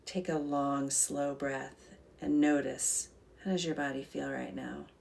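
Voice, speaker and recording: Female meditation guide for a calm grounding exercise: slow, gentle, creaky voice. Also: rumbling low. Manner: calm, soothing, gentle, unhurried with long pauses.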